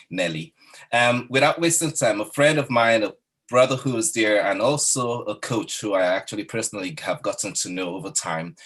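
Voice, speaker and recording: Male moderator, low and husky, introduces panelists on a video call. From Nigeria. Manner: warm, introduces each guest by name. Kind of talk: online panel discussion.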